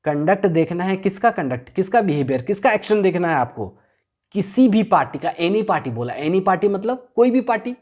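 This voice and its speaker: A man's voice: high-pitched, very animated, brisk, a little mellow. A man lecturing on law in Hindi-English classroom style, who keeps asking rhetorical questions and answering them himself while repeating key terms. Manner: constantly quizzes the listener and answers himself; repetitive, drills key terms.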